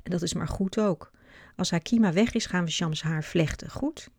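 A kind, amused mother, as a woman reading a storybook puts her on, calm and reassuring. The voice sits low with a gravelly texture. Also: moderate pace, dry recording, studio quality.

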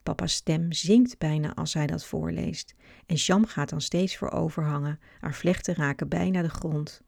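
Woman reading a children's book aloud, expressive, low pitch, gravelly, dry close sound. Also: moderate pace, no echo. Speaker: storyteller.

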